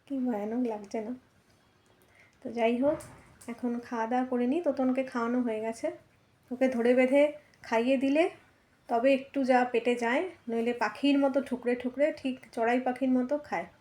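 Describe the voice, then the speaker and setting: A woman's voice: on the high side, fairly even intonation, a little fast, mellow. A middle-aged woman chatting casually to viewers in a home vlog, addressing them as friends. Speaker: vlogger. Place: home rooms.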